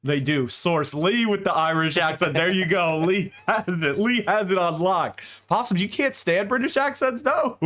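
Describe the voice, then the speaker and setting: Laid-back man, slightly high voice. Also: normal speed, hardly any pauses, fairly bright tone. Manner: laid-back, reads chat comments aloud, laughs often. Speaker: podcast co-host. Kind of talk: casual chat.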